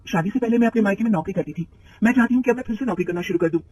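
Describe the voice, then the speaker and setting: A man voicing a polite, sensible young wife in a cartoon story, speaking softly and a little hesitantly. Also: sits high, very fast, pitched above the performer's own voice.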